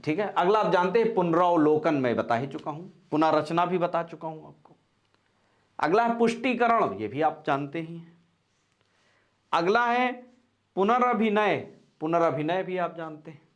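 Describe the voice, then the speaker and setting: A man teaching spelling for exams, repeating each word slowly and stressing key syllables, with frequent reminders to pay attention. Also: fairly high pitch, dull audio. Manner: animated, coaching tone with frequent reminders. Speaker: Hindi grammar teacher. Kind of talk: exam-prep spelling lesson.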